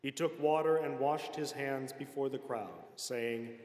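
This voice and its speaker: A man reads scripture aloud in a solemn, measured way, never hurrying. His voice sits at an ordinary middle pitch. It rings through a large hall, trailing a long reverb. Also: a little mellow. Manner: measured, unhurried reading. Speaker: scripture reader. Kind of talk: solemn public scripture reading.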